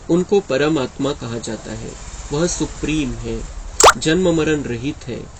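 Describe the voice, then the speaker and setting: A man's voice: a little high, a little mellow, a little hiss or hum, low-quality recording. A man giving an earnest devotional discourse, explaining and often quoting his teacher. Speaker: spiritual speaker explaining a daily discourse.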